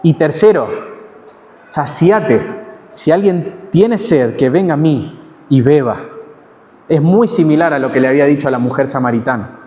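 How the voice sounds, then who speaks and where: Higher-voiced Argentine preacher in reverberant hall. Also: male voice, animated, mellow. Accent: Argentine Spanish. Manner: measured, teaching, with pauses and self-corrections. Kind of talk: expository sermon. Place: church hall. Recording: long church hall reverb.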